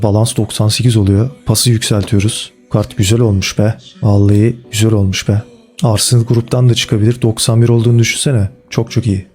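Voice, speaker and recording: A gaming video host with a mid-range voice comments casually and excitedly on football game cards, using slangy, chummy talk directed at his viewers. Faint music plays in the background.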